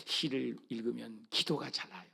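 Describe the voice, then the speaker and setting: A male pastor preaching a sermon, reading scripture aloud with loud fervent rises and soft asides, repeating phrases and asking the congregation questions. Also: mid-range voice, fairly even intonation, moderate pace, creaky, breathy edge.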